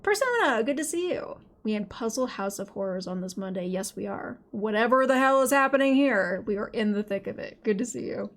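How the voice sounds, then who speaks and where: A woman's voice: medium pitch, animated, brisk, hardly any pauses. A woman giving casual livestream game commentary, thinking and reacting aloud in a playful, slangy way. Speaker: game streamer.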